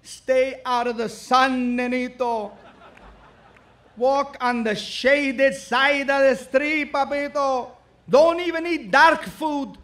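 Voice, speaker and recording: A high, drawling old grandpa. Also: male voice, fairly even intonation, a bit bright, heavily acted. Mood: preachy. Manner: slow, drawn-out, high and strained.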